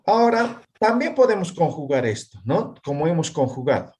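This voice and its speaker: A man's voice: a little high, big pitch swings, moderate pace, darkish tone. Man teaching and quizzing a class. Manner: constantly checks understanding with tag questions; quizzes students on meanings. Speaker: language teacher. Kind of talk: online class.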